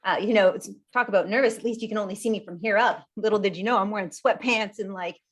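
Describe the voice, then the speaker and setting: A woman giving a live online workshop over a video call, talking in a lively, conversational way while standing. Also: medium pitch, quick pace. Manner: lively and conversational, laughs often; talks while standing and gesturing. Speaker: workshop presenter.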